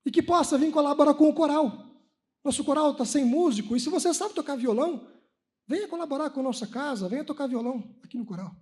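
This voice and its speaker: A Brazilian man in his thirties with a very high voice gives a spiritist talk to a conference audience. He tells personal stories with energy and acts out each bit of dialogue in the voices of the people involved. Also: fast. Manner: animated storytelling, acting out dialogue. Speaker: spiritist lecturer. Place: lecture hall at a religious conference.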